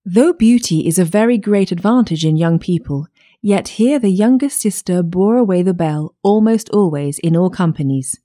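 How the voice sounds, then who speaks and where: A woman narrating a fairytale audiobook in a measured storytelling manner. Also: on the low side, warm tone.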